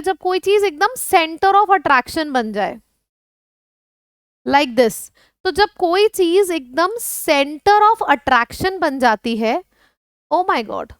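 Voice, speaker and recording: A woman's voice: high-pitched, fairly bright tone, no echo, studio quality. A woman with an Indian accent teaching an exam-prep vocabulary lesson. She runs through word lists and puts questions to the viewers. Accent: Indian English.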